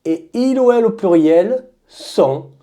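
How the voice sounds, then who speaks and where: Medium in pitch and dark in tone, her voice carries lively intonation as she leads a conjugation drill. The French-accented woman speaks every form slowly and emphatically, then says it once more.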